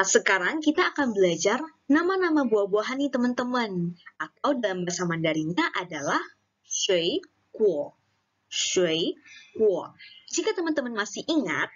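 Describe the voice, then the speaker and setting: A woman's voice: mid-range voice, highs cut off. A woman teaching a Mandarin lesson online, patiently explaining and repeating words for learners to say after her.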